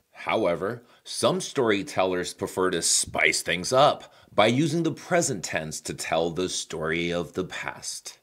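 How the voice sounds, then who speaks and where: A middle-aged man narrating a pronunciation lesson, joking with the viewer in playful asides. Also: deep voice. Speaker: English pronunciation teacher. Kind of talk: scripted lesson voice-over.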